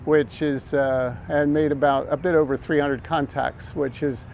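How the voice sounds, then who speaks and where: This older American vlog host, who is also an amateur radio operator, speaks at a normal speed in a fairly high, steady voice that is creaky and a little mellow. He explains things casually and thoughtfully, with some hesitation, while outdoor noise runs underneath.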